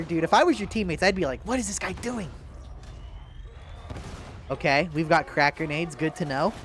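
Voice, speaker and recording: Young guy roasting gameplay, sarcastic and fed up, pitch all over the place. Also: a bit bright. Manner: sarcastic, exasperated, swearing. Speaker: gameplay reviewer. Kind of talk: casual gameplay commentary.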